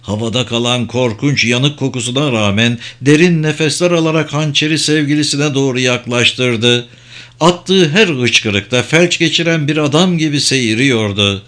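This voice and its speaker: A man narrating an audiobook in a steady, even reading voice. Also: mid-range voice, moderate pace. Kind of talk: scripted narration.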